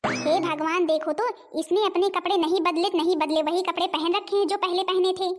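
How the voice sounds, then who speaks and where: A woman voicing a nagging, dramatic older mother-in-law who scolds loudly in a homemade cartoon. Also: extremely high pitch, steady tone, moderate pace. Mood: scolding.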